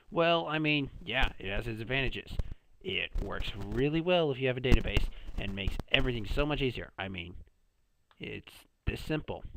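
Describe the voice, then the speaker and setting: A man's voice: mid-range voice, gravelly, a bit bright, a little hiss or hum, poor audio. A man giving a casual class presentation in a sarcastic, playful, jumpy way. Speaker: student presenter.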